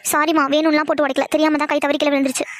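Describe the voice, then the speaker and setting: Woman for a cartoon family row, high and rapid, scolding. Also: flat delivery, fairly bright tone. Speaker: voice artist for a mother and daughters. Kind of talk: cartoon dialogue.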